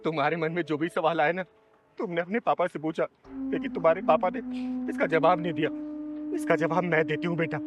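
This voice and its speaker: A caring but hot-tempered kinner elder sister, played by a man in a tearful short-film melodrama. The voice sits quite high, with faint background music beneath it. She lectures softly and patiently, then turns sharp and scolding. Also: fairly quick, natural voice. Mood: gentle, advising. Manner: gentle and preachy when advising, wailing in grief, harsh when scolding. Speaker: Chingari didi, lead of a short film. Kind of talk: emotional short-film drama.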